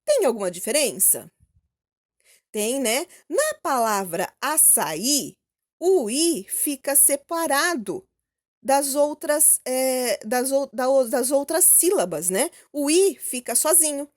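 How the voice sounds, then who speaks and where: A Brazilian woman teacher giving a recorded lesson to children, speaking slowly and clearly and checking in with questions. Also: high voice, big pitch swings. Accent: Brazilian Portuguese. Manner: slow, clear, prompting with questions and "ok?".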